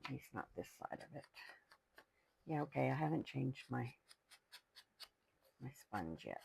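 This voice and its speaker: A woman's voice: extremely low pitch, very animated, a little slow, darkish tone, no room sound, low-quality recording. An older woman hosting a craft video, chatting casually and rambling to herself as she works. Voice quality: gravelly, husky. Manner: chatty, rambling, talks to herself while working. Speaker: craft channel host.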